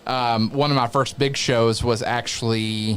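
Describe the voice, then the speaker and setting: A man's voice: medium pitch, steady tone, unhurried, fairly bright tone. An American man telling career anecdotes as an interview guest, in casual conversation. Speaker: wrestling announcer and radio veteran, interview guest. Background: background noise, wrestling show playing on a TV.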